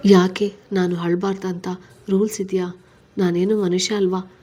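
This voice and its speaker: A woman's voice: lowish voice, level tone, unhurried, warm tone. A woman reading a story, voicing a stubborn but tender young husband who is weary and troubled.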